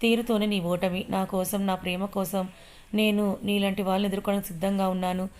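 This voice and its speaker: A woman's voice: medium pitch, little pitch movement, brisk, darkish tone, close to an everyday voice. A woman reading as an earnest young hero. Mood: determined. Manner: earnest, determined. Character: brave young male hero, devoted lover.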